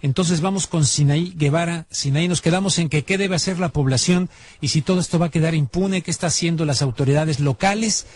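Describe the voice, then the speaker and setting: A man's voice: on the high side, brisk, a little mellow. A man hosting a broadcast talk show from a studio, asking direct, pressing questions. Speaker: radio talk show host.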